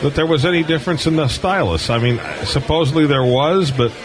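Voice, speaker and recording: Speaking a little quickly in a fairly high voice, this middle-aged or older radio host chats and reminisces during a relaxed live interview. The broadcast comes from a convention hall booth, with a busy, crowded floor audible behind him.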